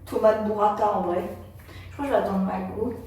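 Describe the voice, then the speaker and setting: A woman's voice: medium pitch, steady tone, brisk, a little mellow. A young woman chatting casually in a vlog, self-mocking and trailing off into hesitant asides, recorded on a phone held at arm's length. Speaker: vlogger. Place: apartment rooms and city streets. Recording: echoey phone audio with faint hum.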